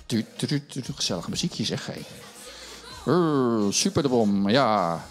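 A man's voice: medium pitch, very animated, unhurried, faint music behind. Upbeat middle-aged man hosting kids' church. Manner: chatty and upbeat, encouraging, self-mocking. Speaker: children's church presenter. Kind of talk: lively kids' show science demo. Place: church stage. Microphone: handheld mic.

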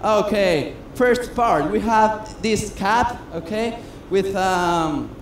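High-voiced man doing comic stage patter. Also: very slow. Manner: chatty, self-mocking, coaxing the crowd. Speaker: stage magician. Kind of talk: comedic stage patter with audience. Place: cruise ship stage. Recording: echoey stage sound with noise.

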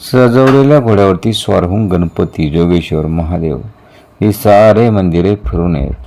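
A man reading a historical novel aloud in a measured, steady storytelling manner. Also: on the low side. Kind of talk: audiobook narration of a historical novel.

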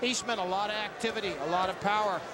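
A man giving brisk, analytical commentary on a kickboxing fight. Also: high-pitched, steady tone. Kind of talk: play-by-play commentary. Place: arena broadcast booth. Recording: noisy arena with loud crowd.

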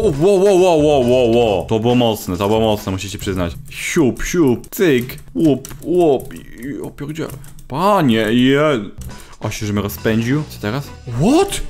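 A man commentating his own video game play, excitable and jokey, often exclaiming and laughing while teasing other players. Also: mid-range voice. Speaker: gaming YouTuber. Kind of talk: Minecraft let's play commentary.

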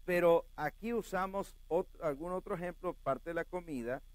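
A man preaching a sermon as pastor, talking straight to his congregation in an animated way. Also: sits high, moderate pace, dry recording.

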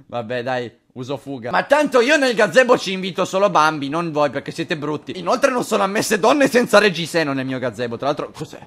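A young man doing casual game commentary, animated and crude, often shouting and laughing. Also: fairly high pitch, brisk, gravelly. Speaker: gaming video host. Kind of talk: casual Let's Play commentary.

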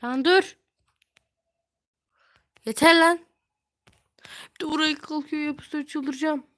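A young woman streaming a mobile game, snapping at her teammates and muttering to herself between bursts of shouting. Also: high voice, steady tone, moderate pace. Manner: yells at teammates, then drops to mutters and whispers. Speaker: gaming streamer. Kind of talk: live gameplay commentary.

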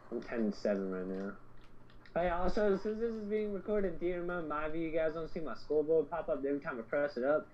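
A young man with a slightly high voice commentates a multiplayer shooter casually. His talk is slangy, full of short repeated callouts. The sound is a little muffled, with faint game noise behind it. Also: lively intonation, fast talker. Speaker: gamer recording commentary.

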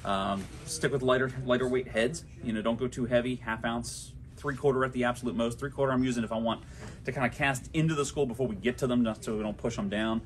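A man's voice: mid-range voice, fairly even intonation, quick pace, a little hiss or hum. A young man working at a tackle shop, giving easygoing practical fishing advice with frequent ums. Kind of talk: casual shop fishing report. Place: inside a tackle shop, amid glass display cases.

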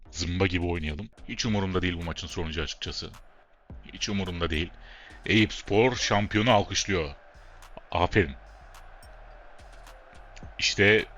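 Excitable man commentating a football game. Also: low-pitched. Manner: excitable, shouts at players, mutters asides. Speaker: gameplay commentator. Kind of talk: casual play-by-play of a football management game.

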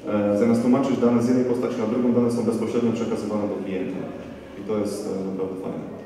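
Low-voiced young man in echoey hall. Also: little pitch movement, mellow, far from the mic, slight background noise. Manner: measured, explanatory, with hesitations. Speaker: conference speaker. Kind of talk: technical presentation. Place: large conference hall. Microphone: handheld mic.

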